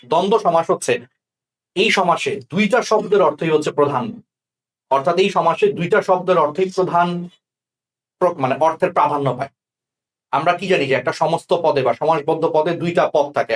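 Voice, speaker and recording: Fast-talking young male tutor. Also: fairly high pitch. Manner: checks understanding often with quick questions. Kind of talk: exam-prep grammar lesson.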